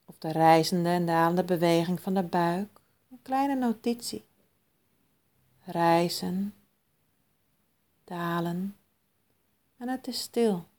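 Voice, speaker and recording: Slow, soft-spoken woman guiding meditation. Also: lowish voice. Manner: soft, calm, soothing delivery with long pauses. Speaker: meditation guide. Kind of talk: guided mindfulness meditation.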